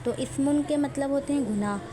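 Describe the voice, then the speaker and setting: A woman's voice: high-pitched, background noise. A woman teaching a religious lesson on Quran recitation, explaining carefully and repeating words to show how they are pronounced.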